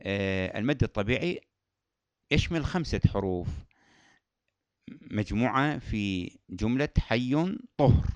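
A man gives a patient lesson on recitation rules, often repeating key terms. His voice is smooth and resonant, and the recording is dry with no room sound. He chants verse examples slowly and melodically. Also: on the low side, lively intonation, no room sound, highs cut off. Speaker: Quran recitation teacher. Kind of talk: tajweed lesson.

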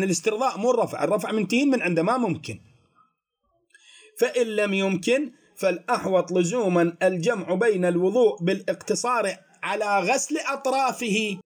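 A man with an Iraqi Arabic accent giving a religious jurisprudence lesson, explaining step by step and answering his own questions. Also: high-pitched. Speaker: religious teacher.

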